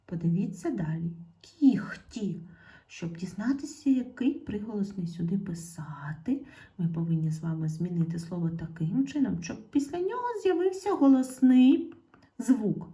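A woman teaching an online lesson to young schoolchildren. She says example words slowly and clearly and talks straight to the children. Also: medium pitch, dark tone.

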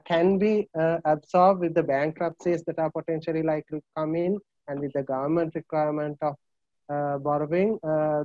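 A man with a Sri Lankan English accent, an analyst on a video call panel, speaking haltingly with many filler sounds. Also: on the high side, warm tone, no echo. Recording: muffled video call audio.

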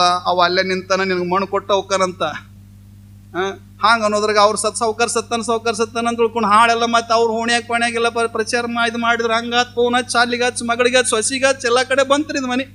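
High bright-voiced man telling a folk tale. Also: brisk. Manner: animated, acts out voices of villagers. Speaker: swami storyteller. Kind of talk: folk comedy storytelling.

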